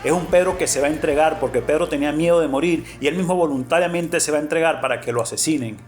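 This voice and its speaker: A man's voice: a little high, fast talker. A man preaching an earnest storytelling sermon, emphatic and fond of repeating his phrases. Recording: faint background music.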